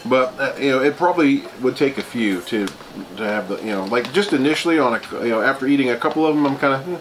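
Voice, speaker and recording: A man's voice: mid-range voice, fast. A man giving a casual taste-test review as host, rambling and thinking aloud. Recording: clearly noisy room ambience.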